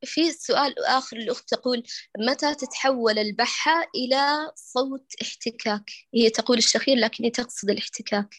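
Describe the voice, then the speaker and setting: Quick polite woman moderating a lesson. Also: a little high, a bit bright, no room sound. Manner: polite, quick, reads out students' questions. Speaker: lesson moderator reading questions.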